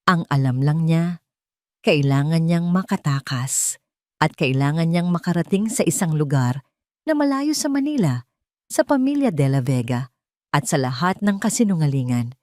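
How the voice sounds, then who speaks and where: A woman reads a dramatic story from a script in a slightly low, darkish voice, very animated and at a moderate pace. The recording is very dry and close-miked, with no room sound or echo.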